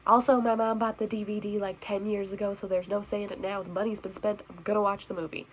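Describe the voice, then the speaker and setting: A woman's voice: medium pitch, little pitch movement, fast, slight background noise, low-quality recording. A young woman chatting casually on a vlog, bubbly and self-deprecating, recorded indoors. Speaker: vlogger. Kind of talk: casual chat reviewing movies. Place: indoors in front of a Christmas tree.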